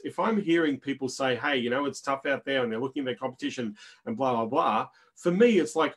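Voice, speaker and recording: Fast-talking Minnesota man with a husky voice. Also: medium pitch. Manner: fast-talking, punchy lists, rhetorical "right?". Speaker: webinar presenter. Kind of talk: business webinar talk.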